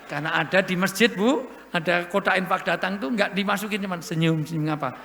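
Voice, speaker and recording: Gravelly, bright-voiced man preaching in an echoey hall. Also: high-pitched, fairly quick, a little hiss or hum. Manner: lively, joking, sudden loud emphasis. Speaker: Islamic preacher. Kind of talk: humorous sermon to an audience. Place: large hall at an event. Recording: echoey hall with long reverb.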